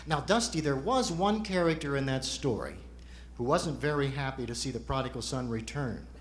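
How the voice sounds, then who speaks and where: A man's voice: medium pitch, moderate pace. A man performing as a ventriloquist's straight man, asking patient, explanatory questions in a conversational stage routine.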